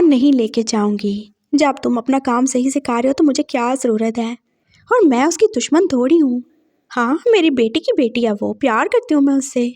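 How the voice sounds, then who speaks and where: A scheming, greedy mother in a read-aloud story, put on by a woman narrator. She speaks high and coaxing, with threats tucked beneath the sweetness. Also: darkish tone. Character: scheming middle-aged mother, greedy and menacing.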